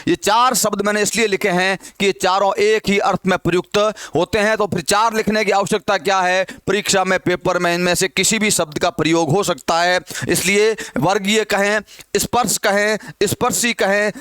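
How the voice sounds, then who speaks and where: High, smooth-voiced man teaching. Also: fairly even intonation, a bit bright, no room sound, clean studio sound. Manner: repeats questions and answers them himself, drawn-out sounds. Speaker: Hindi teacher. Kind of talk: classroom grammar lesson.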